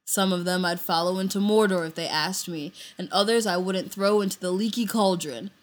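A woman's voice: on the low side, moderate pace, close to an everyday voice. A woman voicing a huge bearded half-giant traveler in an amateur audio reading, blunt at times and bashful at others, heard a little away from the mic. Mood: grim.

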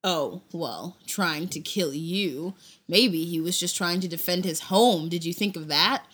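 A woman's voice: on the low side, normal speed, a bit bright, slightly rough. A woman voicing a huge bearded half-giant traveler in an amateur audio reading, blunt at times and bashful at others, heard a little away from the mic. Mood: grim.

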